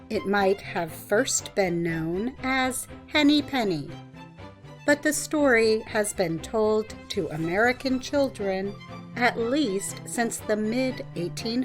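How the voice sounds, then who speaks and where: A woman host introducing a story in a slow, carefully enunciated scripted delivery. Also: fairly high pitch. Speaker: program host. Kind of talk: scripted learner-friendly introduction. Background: music.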